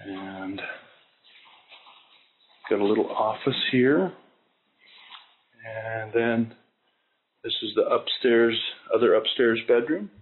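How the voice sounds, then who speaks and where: A man showing a home on a walking tour, speaking very slowly in a lowish voice. His plain, unhurried talk is full of small fillers. The sound is thin and phone-like, from a handheld camera mic, with faint noise behind it. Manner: unhurried, plain, with many "uh"s and "okay"s. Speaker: real estate agent. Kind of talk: walkthrough property tour. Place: walking through a house and its grounds.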